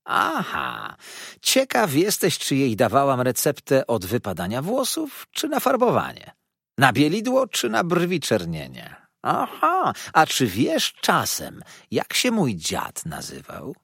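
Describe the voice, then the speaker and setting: A man reading an audiobook, voicing a chattering, coquettish little dwarf woman in a high, squealing voice that rattles on with sly gossip. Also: wildly swooping pitch, takes it slowly, creaky, a bit bright, breathy edge, dry recording, studio quality, full character voice. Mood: teasing. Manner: shrill, bustling and gossipy, with sudden high squeals. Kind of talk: audiobook character voice.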